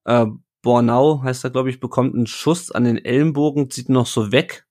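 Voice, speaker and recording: Guy hosting a footy podcast, easygoing chatter, mid-pitched, reads out listener posts. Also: fairly even intonation, moderate pace, a little mellow. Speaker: podcast host. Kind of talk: casual football podcast chat.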